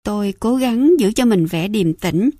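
A woman narrating a memoir audiobook in calm, even storytelling into a close studio mic. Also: mid-range voice, unhurried, no echo. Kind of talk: scripted narration.

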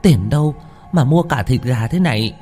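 A man's voice: a little high, measured pace, gravelly, mellow, faint music behind, pitched above the performer's own voice. A man voicing a frail, timid old village grandmother with a trembling voice. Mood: worried. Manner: quavering, timid.

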